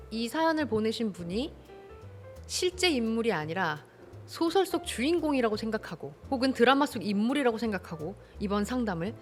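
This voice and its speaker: A woman hosts an advice show, reading a listener's letter and answering it with indignant, animated commentary. Her voice sits fairly high and swings widely in pitch. Faint background music plays under her. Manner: animated, indignant, acts out dialogue. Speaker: host giving advice on listener stories. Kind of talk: casual advice talk.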